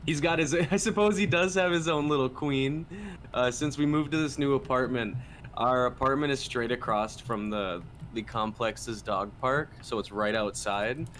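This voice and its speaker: A man's voice: medium pitch, normal speed. Male streamer from Minnesota, casual rambling chat, faint hiss behind. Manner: relaxed, rambling with um and uh fillers. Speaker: game streamer.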